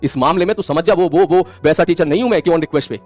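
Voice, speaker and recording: A male online teacher in a stern, scolding lecture, talking rapidly at a high pitch. He addresses his students directly and hammers his point home, with a faint trace of music behind him. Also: a little mellow.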